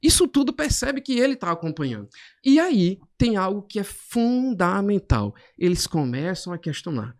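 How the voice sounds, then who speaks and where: Lively storytelling man teacher. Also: high voice, moderate pace. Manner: animated, acts out classroom scenes. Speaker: chemistry teacher and podcast guest. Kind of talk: storytelling in a podcast conversation.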